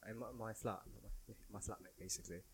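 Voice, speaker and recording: A man's voice: fairly low pitch, fairly even intonation, fairly quick, background noise. A young man chatting casually as a podcast co-host. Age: young adult. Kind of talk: casual slangy chat.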